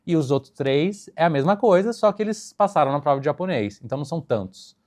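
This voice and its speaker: Lively Brazilian man telling stories. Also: on the high side, quick pace. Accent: Brazilian Portuguese. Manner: animated storyteller, laughs often. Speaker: flight attendant guest. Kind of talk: casual interview chat.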